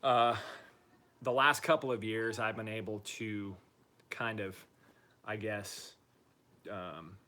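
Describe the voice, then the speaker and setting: A man talking informally and upbeat in a casual video diary, using relaxed slang as he gives a personal recovery update. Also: lowish voice. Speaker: patient giving a recovery update.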